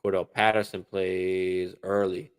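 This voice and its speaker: A man hosting a live fantasy football stream, answering viewer questions in a relaxed, casual way, swearing freely and using lots of fillers and restarts. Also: sits low, measured pace, clear, resonant tone. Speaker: fantasy football show host.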